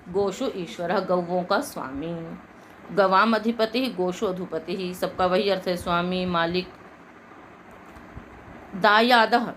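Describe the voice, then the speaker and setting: A woman's voice: medium pitch, fairly bright tone, a little hiss or hum, rough recording. A woman with a Hindi accent teaching Sanskrit grammar, patiently explaining rules and asking the class questions. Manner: patient, asks the class questions and answers them herself.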